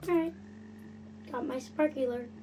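Excitable young woman gaming commentary. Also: high-pitched, takes it slowly, background noise. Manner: excitable, jumps from nervous mumbling to loud surprised outbursts. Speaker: gaming channel host. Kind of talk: casual game commentary.

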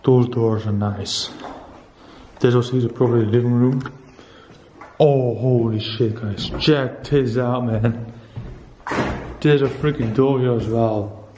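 A man's voice: medium pitch, fairly even intonation, slow pace, pauses often, warm tone. Man vlogging through abandoned house, noisy audio. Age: 20s. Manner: exclamatory slangy talk, often addressing viewers. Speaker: urban exploration vlogger. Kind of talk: casual night exploration vlog. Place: empty rooms and basement of an abandoned house. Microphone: handheld camera at arm's length.

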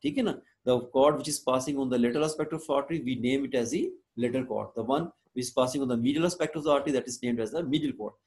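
Very fast-talking man with North Indian-style Hindi-Urdu accent. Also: mid-range voice, darkish tone. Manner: didactic, repetitive, frequent check questions and tags. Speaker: anatomy lecturer. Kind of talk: live online lecture, switching between English and Hindi-Urdu.

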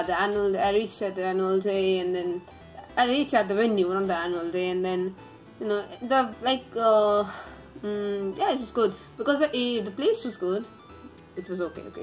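A woman's voice: mid-range voice, rough recording. Rambling woman vlogger. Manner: rambling, with frequent restarts and wry sarcasm. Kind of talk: casual storytelling vlog.

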